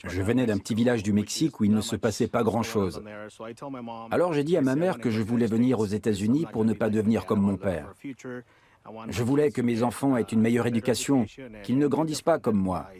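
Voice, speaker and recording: A man's voice: lowish voice, a little fast, crowd noise. A man in his forties giving an earnest, heartfelt personal testimony.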